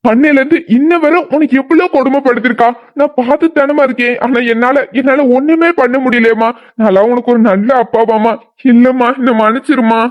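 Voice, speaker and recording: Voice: high-pitched, a little fast, dull audio, close to an everyday voice. A voice actor playing a remorseful middle-aged father in a cartoon drama, lamenting and blaming himself. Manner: lamenting, self-blaming, then angry.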